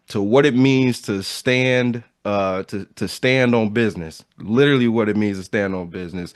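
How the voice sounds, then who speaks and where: A man's voice: mid-range voice, no room sound, studio quality. A man hosting a podcast in casual chat, opening with upbeat intros and repeated phrases. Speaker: podcast host.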